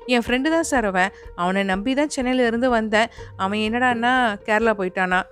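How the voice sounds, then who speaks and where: A woman voicing a smooth-talking young man who speaks in an ingratiating way in a detective story. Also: fairly high pitch, moderate pace, a bit bright, soft background music, natural voice.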